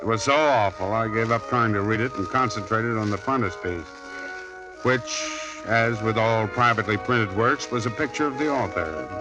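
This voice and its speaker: A man's voice: fairly low pitch, normal speed, over music, lightly acted, rough recording. A man playing a wry hardboiled private detective in a 1950s radio drama, narrating in a dry voice and questioning people.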